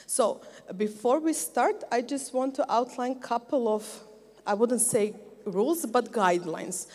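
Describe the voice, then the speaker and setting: A Croatian woman moderates a live panel on a handheld microphone in a large sports hall used for a conference, her voice a little high and darkish. She's chatty and friendly, often checking in with "okay?". The big hall gives the recording a long reverb.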